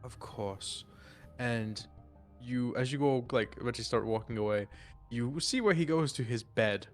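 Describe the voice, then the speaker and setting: A male game master narrating a tabletop session in a mid-pitched voice. His narration is loose and full of fillers, then rushes ahead in quick bursts. Faint music sits in the background.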